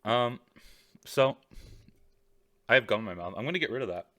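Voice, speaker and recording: A man's voice: medium pitch, moderate pace, pushed and bright, no echo. A man co-hosting a podcast over a video call, chatting casually, joking and swearing freely. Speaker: podcast co-host. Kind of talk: casual chat. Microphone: video call microphone.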